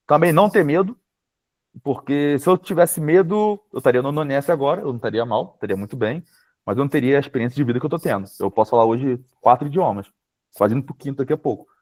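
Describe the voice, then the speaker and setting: A man in his late twenties with a Brazilian Portuguese accent gives advice in a relaxed, chatty way. His voice is mellow and warm, sitting at an ordinary middle pitch. He talks over a video call, filling pauses with casual tags. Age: late 20s. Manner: informal, frequent fillers like "sabe?" and "tipo". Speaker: guest speaker, power systems engineer. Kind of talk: webinar talk, casual advice. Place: home, remote video call.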